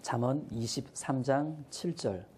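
A man's voice: mid-range voice, measured pace, a little mellow, slight background noise. A man training church school teachers, telling humorous stories and acting out the children's voices.

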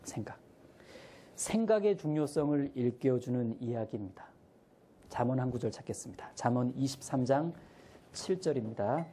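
A man's voice: medium pitch, animated, moderate pace, mellow, a little hiss or hum. A man training church school teachers, telling humorous stories and acting out the children's voices.

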